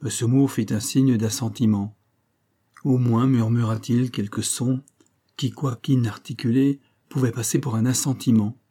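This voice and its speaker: Un homme lisant un roman classique en narration posée et régulière. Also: male voice, mid-range voice, steady tone, normal speed, warm tone, husky. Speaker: audiobook reader. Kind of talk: scripted narration of a classic novel.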